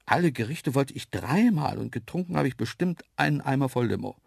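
A man narrating a children's story in the first person, lively and playful, with hushed asides. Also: mid-range voice, a little fast, vocal fry, breathy edge, dry recording, studio quality. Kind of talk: storybook reading.

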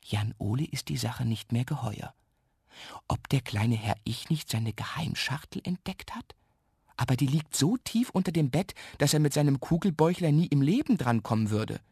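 Husky, lively male storyteller. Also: mid-range voice, normal speed, no echo, studio quality. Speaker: narrator. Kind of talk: children's radio story reading.

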